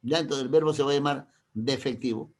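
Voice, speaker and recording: A middle-aged man, teaching a classroom grammar lesson. He keeps checking that the class understands with quick questions and uses playful, teasing examples. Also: medium pitch. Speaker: language teacher.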